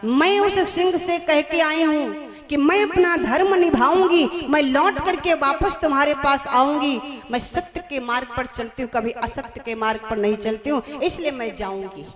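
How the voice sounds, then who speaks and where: A woman's voice: a little high, fairly quick, hardly any pauses, lightly acted. A woman voicing a steadfast, truthful mother cow who speaks with earnest resolve, in a devotional story told before a live crowd. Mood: resolute. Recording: live crowd noise behind.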